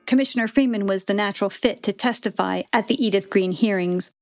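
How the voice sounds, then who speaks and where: A woman hosting and narrating a documentary podcast in a measured, clear storytelling manner. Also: mid-range voice, music in the background. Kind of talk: scripted narration.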